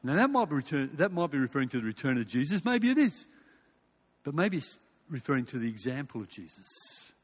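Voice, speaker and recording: An older Australian man from Western Australia preaches in a husky, mid-range, sing-song voice, moving fairly quickly. He relates his sermon in a relaxed, conversational, story-like way, repeating himself and posing rhetorical questions. The sound echoes as in a large hall or church.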